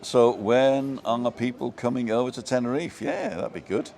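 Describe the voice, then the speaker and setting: Reading out viewer comments and chatting back, a Mancunian man hosts a relaxed live stream with a soft local English accent. He speaks at a moderate pace in a medium-pitched voice with fairly even intonation.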